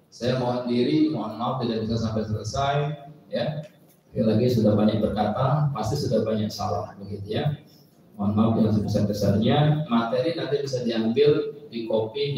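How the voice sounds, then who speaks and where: Male trainer, animated lecture style; distant pickup in a reverberant hall with faint ambience. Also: on the low side, slight background noise. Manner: animated, asks audience questions, acts out patients' words. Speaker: massage therapy trainer. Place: large indoor hall at an Islamic boarding school. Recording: echoey hall, mic far off.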